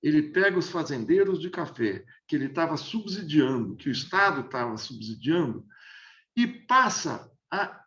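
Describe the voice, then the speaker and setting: His voice sits on the high side, very animated and a bit bright, moving at normal speed in a roomy space captured on dull lo-fi audio. He's in his sixties, from the interior of São Paulo state, Brazil, and as an interview guest offers long explanatory analysis in conversation, hesitant and repeatedly restarting.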